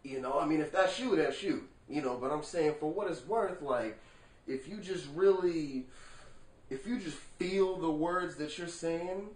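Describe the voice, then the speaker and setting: Man vlogger, lively swinging delivery, cusses freely, keeps asking "right?"; recorded far from the mic in a roomy space. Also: fairly high pitch. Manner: animated, rhetorical, swears freely, asks the viewer "right?". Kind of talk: casual vlog monologue. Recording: echoey room, far from the mic.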